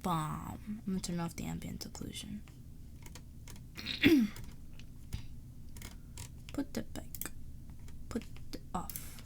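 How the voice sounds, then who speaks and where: A woman's voice: on the low side, animated, slow pace, vocal fry, pauses often, noisy background. A woman streamer, sick and sparing her voice, chatting casually and thinking aloud while she draws on a live stream. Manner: thinking aloud, rambling, laughs often.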